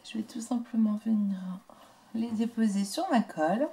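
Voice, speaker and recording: Soft-spoken woman with a gravelly edge. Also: fairly high pitch, moderate pace. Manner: chatty, soft-spoken, drops into quiet murmurs while working. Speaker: craft tutorial host. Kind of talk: casual step-by-step craft demo.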